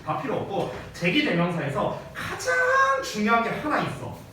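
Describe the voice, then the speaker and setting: A man's voice: sits high, very animated, normal speed, bright, forceful tone, recorded from a distance, a little hiss or hum. A man teaching a casual, joking English grammar lesson to a class, switching between polite and informal speech. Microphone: wearing a mask, mic some distance away. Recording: very echoey room, voice off-mic with faint ambience.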